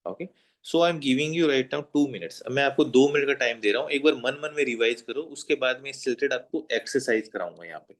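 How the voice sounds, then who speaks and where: A man's voice: mid-range voice, animated, fairly quick. A man teaching a German lesson at a whiteboard, patiently repeating each sound and checking that students have written it down. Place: classroom with whiteboard.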